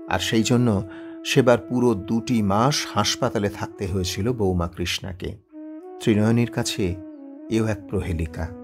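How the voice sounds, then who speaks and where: A man narrating a story in a slow, expressive storytelling manner. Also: fairly low pitch.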